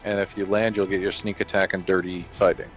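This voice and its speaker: A man's voice: deep voice, little pitch movement, fairly quick, highs cut off. A man acting as game master, patiently explaining the rules and narrating the fight with vivid flair. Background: soft background music.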